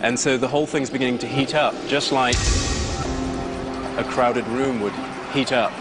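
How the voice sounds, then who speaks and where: A man with a medium-pitched voice gives a plain, illustrative explanation in documentary interview style. He sounds like an expert walking a listener through an idea. Music is clearly audible underneath. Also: fairly even intonation, moderate pace. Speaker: expert commentator.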